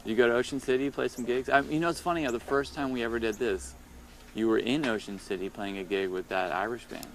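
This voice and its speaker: A man's voice: mid-range voice, fast. A man co-hosting a casual chat, laid-back and joking, with frequent chuckles. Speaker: podcast co-host; new father. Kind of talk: casual phone-style chat.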